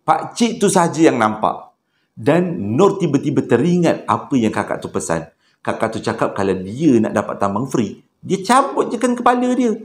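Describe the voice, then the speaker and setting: A man with a Malaysian Malay accent telling a horror story in a chatty way, acting out the characters. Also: mid-range voice. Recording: roomy echo.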